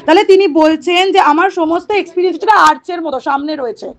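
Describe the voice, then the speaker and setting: Lady teacher, very high voice, going over a poem line by line for students. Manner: talks directly to students, asks and answers her own questions; reads poem lines slowly and deliberately. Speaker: literature teacher.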